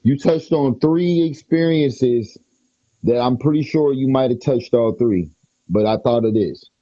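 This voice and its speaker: Husky, mellow-voiced man in loose chat. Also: medium pitch, measured pace, dry recording. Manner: laid-back, rambling storyteller. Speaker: podcast speaker. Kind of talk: casual chat. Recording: dry, dull lo-fi sound.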